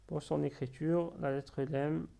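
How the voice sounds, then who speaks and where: Slow, gravelly-voiced male teacher. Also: a little high, level tone, warm tone. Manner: patient, drills syllables slowly and repeats them. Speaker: Arabic reading teacher. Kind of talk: slow step-by-step lesson.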